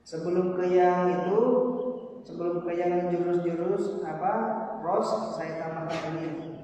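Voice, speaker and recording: A man with a Sundanese accent teaching Quran recitation to a women's class, demonstrating slow chanted verses and counting the class in. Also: high-pitched, level tone, mellow. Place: mosque hall. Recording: echoey, distant, dull lo-fi mosque recording.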